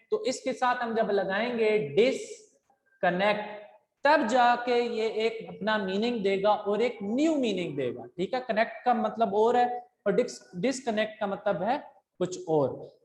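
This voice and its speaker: A teacher with a Pakistani accent giving an English grammar lesson to children, speaking slowly and deliberately, spelling words letter by letter and checking in often. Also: mid-range voice. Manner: switches between Urdu and English reading of textbook lines. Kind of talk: recorded class lesson for children. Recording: echoey hall with long reverb.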